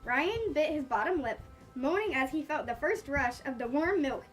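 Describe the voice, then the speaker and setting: High-voiced woman reading fan fiction aloud. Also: lively intonation, normal speed, far from the mic, faint music behind, low-quality recording. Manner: reads aloud, stumbles on words, breaks off with joking asides. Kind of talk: live reaction reading.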